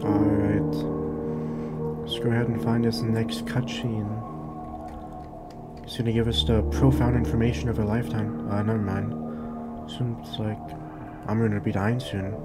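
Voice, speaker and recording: A man hosting a let's play, chatting casually and making sarcastic jokes while playing a horror game. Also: lowish voice. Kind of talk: casual gameplay commentary.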